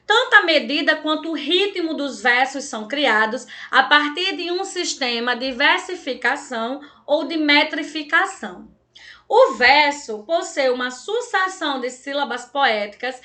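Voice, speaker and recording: A woman's voice: high voice, pushed and bright. A woman teacher with a Brazilian accent giving an online class, checking in with her students every few lines. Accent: Brazilian Portuguese. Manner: frequent check-ins with "tá, gente?" and "certo?". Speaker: Portuguese teacher.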